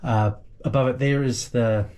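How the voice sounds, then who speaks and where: Man, mellow relaxed tone, mid pitch, casual unscripted tour guide, halting, thinking aloud. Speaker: boat owner giving a tour. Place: small boat engine room.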